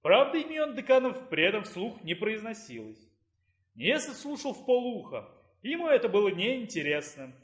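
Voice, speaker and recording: A man's voice: sits high, huge pitch swings, normal speed, reverberant. A man narrating a fantasy audiobook expressively.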